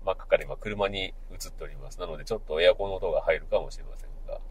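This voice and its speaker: Low, husky man chatting casually. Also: poor audio. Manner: relaxed, laughs often, drawn-out fillers. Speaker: podcast host, band member. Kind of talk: casual chat. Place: parked car.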